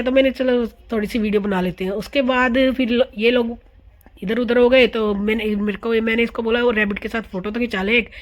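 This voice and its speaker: A woman, narrating a casual family vlog as a voice-over in a chatty, amused way, dropping English words in. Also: on the high side. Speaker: vlogger.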